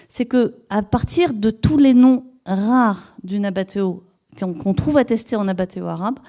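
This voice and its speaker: A woman's voice: fairly high pitch, warm tone. A woman giving an academic lecture to an audience, explaining her research step by step, with hesitant restarts and questions put to the listeners. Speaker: lecturer in epigraphy.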